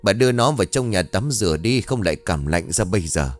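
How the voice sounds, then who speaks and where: A man's voice: fairly low pitch, expressive, a little fast, soft background music, natural voice. A man voicing a stern, frustrated middle-aged father who scolds and protests indignantly. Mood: scolding.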